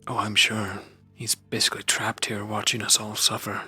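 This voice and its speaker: A man's voice: fairly low pitch, little pitch movement, normal speed, bright, forceful tone, husky, soft background music, heavily acted. A man voicing a haughty, self-assured student with a dry, superior manner, in character during a tabletop game.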